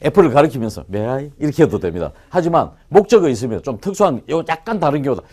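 A man teaches English to students in a lecture room. His voice leaps around as he talks, playful and teasing. He keeps throwing quick questions at the class. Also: mid-range voice. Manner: animated and joking, quizzes the class.

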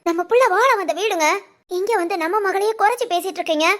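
A woman's voice: very high voice, fast. A woman voicing an anxious, pleading wife and mother in a cartoon family drama. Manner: pleading, placating.

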